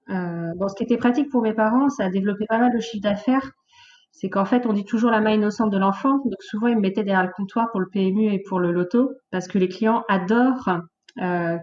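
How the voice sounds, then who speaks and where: A woman in her late thirties, a podcast guest, telling her life story in a lively, casual way with many fillers. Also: mid-range voice, a little fast, dull audio, a little hiss or hum. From France, of Portuguese origin. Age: late 30s. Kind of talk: casual conversational interview.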